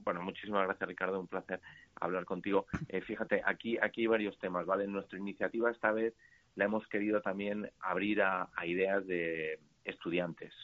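A man's voice: low voice, little pitch movement, a little fast. A man, an organizer of a startup event, being interviewed on radio by phone, hesitant with many fillers and restarts. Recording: tinny phone line into radio.

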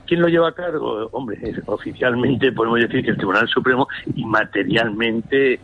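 A man, a public prosecutor, explaining legal points in a measured way during a radio interview. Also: medium pitch, narrow, tinny audio, a little hiss or hum. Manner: measured, explanatory, hesitant fillers.

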